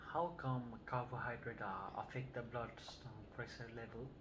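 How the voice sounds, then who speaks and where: Woman doing an older male patient, very low voice, hesitant, noisy recording. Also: steady tone. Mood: calm. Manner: halting, hesitant answers. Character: older Vietnamese-born man, patient, soft-spoken. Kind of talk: scripted health assessment role-play. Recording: noticeable background noise.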